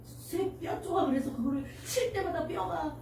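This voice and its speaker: A woman's voice: very high voice, moderate pace, gravelly, a little mellow, a little hiss or hum. A woman pastor giving an emotional sermon to a children's congregation, asking them questions. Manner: emotional, tearful at moments, addresses congregation with questions. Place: church sanctuary. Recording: echoey church hall from far off.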